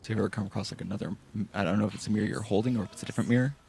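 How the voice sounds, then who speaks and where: A man's voice: fairly low pitch, rapid-fire, gravelly, a little mellow, a little hiss or hum. A man doing casual let's play commentary, musing and thinking aloud as he goes. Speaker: gaming commentator.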